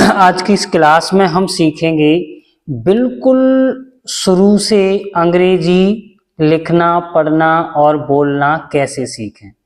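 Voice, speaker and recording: A man with a fairly high voice teaching a beginner's class. He talks slowly and patiently, repeating every step and posing questions he answers himself. His voice rings out with a long hall echo. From India. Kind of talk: classroom lesson.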